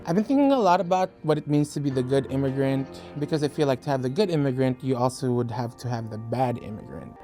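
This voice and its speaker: Reflective speaker, interview, soft music bed. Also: mid-range voice, lively intonation, fast talker, few pauses. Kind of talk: documentary interview. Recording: faint music behind voice.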